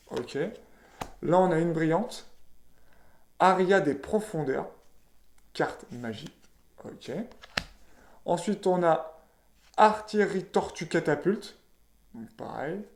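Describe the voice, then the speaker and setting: A man's voice: on the high side, a little mellow, slight background noise. A man chatting casually as he opens trading card packs, reading card names aloud with lots of "voilà" and "ok". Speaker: card-opening video host. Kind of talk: casual unboxing commentary. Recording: roomy echoey room.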